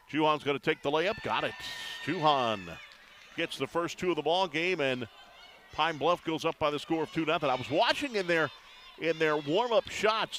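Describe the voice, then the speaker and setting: Brief: male play-by-play announcer, slightly high voice, folksy and chatty, lots of "uh" fillers. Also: fairly bright tone, poor audio. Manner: folksy, conversational, frequent "uh" fillers. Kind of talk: live basketball commentary.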